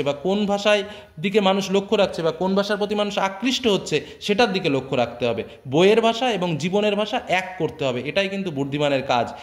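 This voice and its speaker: A man teaching a class. He reads quoted lines from a text slowly, explains them in plain everyday speech and keeps checking that his students follow. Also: sits high.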